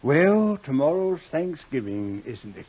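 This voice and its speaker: An actor playing a polite, secretive gentleman doctor with a coy, genteel manner in an old-time radio drama. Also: on the high side, very animated, slow pace, husky, exaggerated voice. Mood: affable, generous. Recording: muffled old radio recording.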